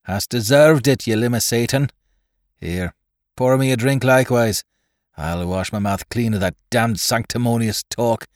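A man voicing a gruff, jovial pirate gunner who talks in a boisterous, swaggering way. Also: mid-range voice, unhurried, no room sound, clean studio sound, lightly acted. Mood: gloating.

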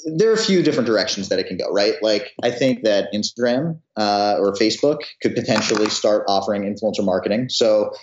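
Founder guest in his 30s, lower voice, hesitant, in a roomy room. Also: expressive, fairly quick, hardly any pauses. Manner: hesitant, full of fillers and restarts. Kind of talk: interview answers. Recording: roomy, dull audio.

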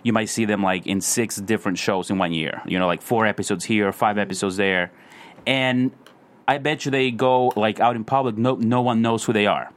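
A man's voice: lowish voice, normal speed. A man, an actor guest, chatting casually and rambling with lots of "like" and "you know". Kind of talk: casual chat.

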